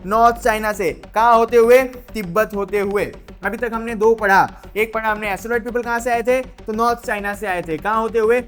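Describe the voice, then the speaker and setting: Playful high-voiced woman teaching a lesson. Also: steady tone, a little fast, hardly any pauses, faint music behind. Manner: playful, repeats points in quiz-style questions and answers. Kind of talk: exam revision lesson.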